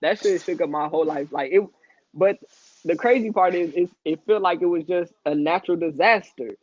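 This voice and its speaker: A man in his twenties from Long Beach, California, tells his life story as an interview guest, using casual, profane street talk and laughing often. His voice is high-pitched and brisk, and the recording is dry, muffled lo-fi audio.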